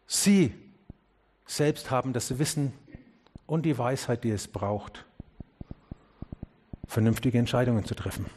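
A man's voice: unhurried, long pauses, slight background noise. A man preaching a sermon to his congregation, asking questions earnestly and speaking to them directly. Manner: drops low and quiet on key words, rises when urging. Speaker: pastor.

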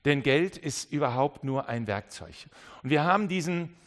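A man preaching a sermon, who swings between loud calls and quiet asides and acts out the voices in his examples. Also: on the high side, expressive, moderate pace. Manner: dramatic, acts out voices in dialogue.

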